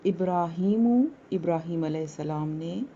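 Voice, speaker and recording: A woman teaching a word-by-word translation lesson, saying each word slowly and repeating its meaning. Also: lowish voice, dark tone, muffled recording, a little hiss or hum. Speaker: Quran teacher.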